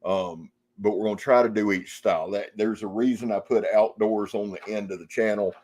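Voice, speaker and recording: This outdoor channel host from around Jacksonville, Florida speaks at a moderate pace with a lowish, darkish voice and fairly even intonation. On his live stream he rambles along folksily, reading out comments and saying hello to viewers by name.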